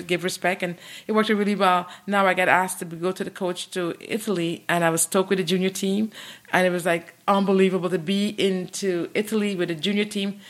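Woman, 60s, Canadian; podcast guest, enthusiastic storyteller. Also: fairly low pitch. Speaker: guest, martial arts coach. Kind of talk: podcast interview.

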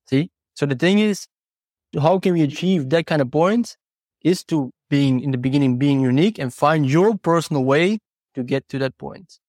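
A horse trainer and podcast guest, this man is not a native English speaker and talks in an earnest, reflective way, illustrating ideas with personal stories and rhetorical questions. His voice is on the high side and a little mellow, at a normal speed. The recording is studio quality without echo.

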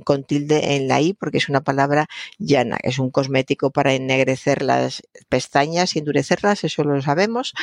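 A woman's voice: low-pitched, dry recording, studio quality. A woman gives a radio talk on correct usage, patiently spelling words out and repeating her examples. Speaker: language commentator on a radio show.

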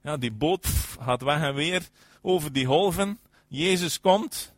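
A man's voice: a little high, measured pace, dry recording. Emphatic male preacher. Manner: emphatic, frequent affirming "ja", swings between loud and soft. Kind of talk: sermon.

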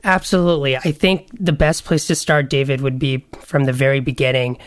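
Smooth-voiced young man, earnest guest. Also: mid-range voice, flat delivery, dry recording. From Bangladesh. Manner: earnest, measured storytelling with frequent fillers. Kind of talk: podcast interview.

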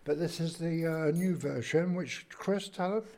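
A man's voice: fairly high pitch, measured pace, a little mellow. A man who is a hospital patient and former DJ, chatting casually and rambling with frequent restarts. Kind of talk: casual conversation.

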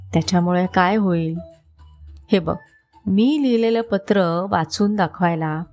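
A crafty wise man moaning and dragging out his words over a pretend sore foot, as a woman storyteller puts him on. He speaks slowly, with a mellow, unhurried voice and a hint of mischief in the groans. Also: mid-range voice, natural voice. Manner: groaning, drawn-out complaints. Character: sly wise man feigning a painful foot.

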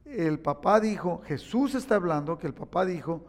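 A man with a slightly high voice delivers a sermon at normal speed, animatedly narrating stories and acting out what people said. The sound is echoey, like a large hall.

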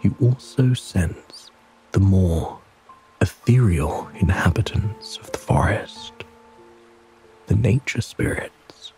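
A man narrating a soothing sleep story and guided relaxation in a calm, gentle, soft breathy voice. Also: fairly low pitch, slow, whispered, faint music behind, rough recording.

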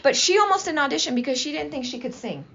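A woman's voice: sits high, lively intonation, quick pace, creaky, fairly bright tone. A woman who teaches drama and runs a school arts program, chatting enthusiastically in an interview with lots of restarts. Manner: enthusiastic, talkative, many restarts. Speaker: high school drama teacher and assistant principal. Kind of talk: casual interview talk. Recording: slightly muffled lo-fi recording.

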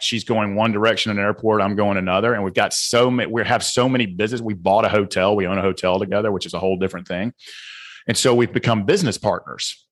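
A man's voice: lowish voice, a bit bright. A middle-aged man with a Southern US accent, a guest author speaking earnestly and motivationally in a podcast interview. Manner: earnest, motivational, repeats phrases.

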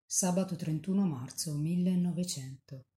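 A nun giving a calm, measured devotional reading. Her voice is low and warm, with a mellow, dark tone.

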